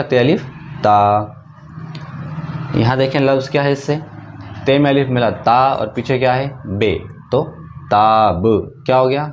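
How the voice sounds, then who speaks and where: A man's voice: medium pitch, highs cut off. A male teacher giving an online script lesson, patiently spelling out each word and repeating every answer as a question to the learner. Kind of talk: online class, step-by-step explaining.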